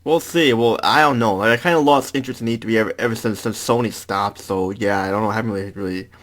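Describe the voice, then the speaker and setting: A man's voice: on the low side, quick pace, fairly bright tone. A man hosting a casual gaming podcast, talking in a laid-back way with many restarts. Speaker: podcast host.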